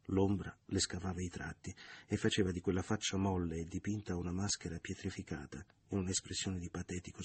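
Man reading a novel aloud, husky deep voice, dry close sound. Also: dry recording. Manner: measured, literary. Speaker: narrator.

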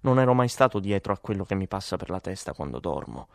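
A man reading a first-person literary story in a measured, matter-of-fact audiobook narration. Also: low-pitched, very animated, dry recording, clean studio sound.

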